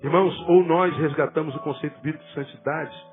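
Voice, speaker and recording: High-voiced Brazilian pastor preaching over music. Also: male voice, fairly quick. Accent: Brazilian Portuguese. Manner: lively, humorous preaching with acted-out asides. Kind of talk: sermon. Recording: tinny phone-like sound with music behind.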